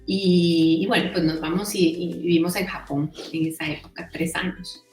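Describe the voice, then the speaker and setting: A woman's voice: fairly low pitch, steady tone, normal speed, a little mellow, echoey room, far from the mic, soft background music. A middle-aged Costa Rican woman talking as an interview guest in a chatty way, full of "o sea" and "¿verdad?". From Costa Rica. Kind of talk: casual conversational interview.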